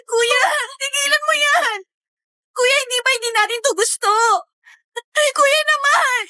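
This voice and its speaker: A woman's voice: very high voice, a little slow, pushed and bright, no echo, studio quality, pitched above the performer's own voice, heavily acted. A woman voicing a frightened young girl who pleads in panic in a horror story. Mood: desperate, crying. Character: terrified young girl pleading against a family curse.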